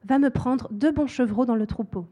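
A woman's voice: on the high side, moderate pace, dark tone, lightly acted. A woman voicing a scheming mother who gives firm, direct orders.

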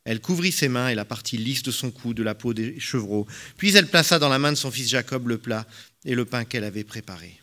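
A man narrating a Bible story in a steady, clear reading style. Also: medium pitch, a little fast.

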